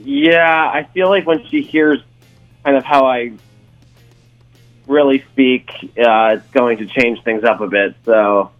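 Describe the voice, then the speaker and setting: A man calling in to a radio show, talking sheepishly and hesitantly with many pauses. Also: mid-range voice, steady tone, narrow, tinny audio, soft background music. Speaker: caller on the show. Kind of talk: telephone conversation on radio.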